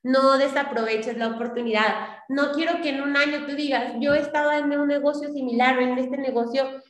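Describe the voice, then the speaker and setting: A woman's voice: sits high, steady tone, moderate pace, reverberant. A young adult woman giving a motivational business talk on a video call, coaching and repeating her points with frequent checks for agreement. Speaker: business team leader.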